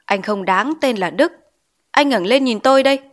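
A woman's voice: on the high side, moderate pace, lightly acted. A woman voicing a stern male village schoolteacher in an audiobook, scolding with pointed questions. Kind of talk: audiobook character reading.

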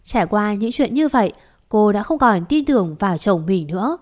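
A woman narrating a Vietnamese audio story, voicing the quarrels with sharp, heated delivery. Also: mid-range voice, expressive, normal speed.

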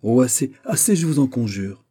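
A man's voice: lowish voice, normal speed, mellow, lightly acted. A man reading aloud and voicing an impassioned, jealous young king who pleads and bursts out. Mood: anguished. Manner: pleading, rising to outbursts.

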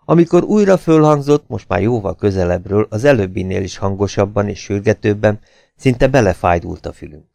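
Brief: male narrator, low warm tone, dry close sound, measured dramatic reading. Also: expressive, creaky, no room sound. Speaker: audiobook reader. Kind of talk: scripted narration.

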